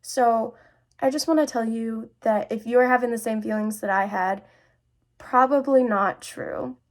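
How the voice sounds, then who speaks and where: This is a young adult woman's personal talk to camera on mental health, in which she earnestly confides her own experiences as host. Her voice is fairly high-pitched and her pace measured.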